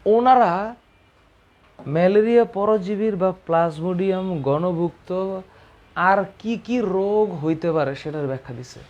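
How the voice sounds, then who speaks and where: Higher-voiced male teacher. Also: muffled recording. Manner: explains slowly, repeats key terms, asks and answers own questions. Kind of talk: biology lesson to students.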